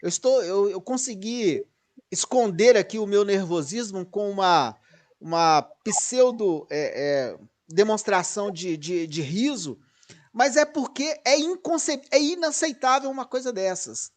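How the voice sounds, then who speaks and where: A man hosting political commentary, excitable and digressive, often correcting himself mid-sentence over a video call. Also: high voice, a little slow. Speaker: host.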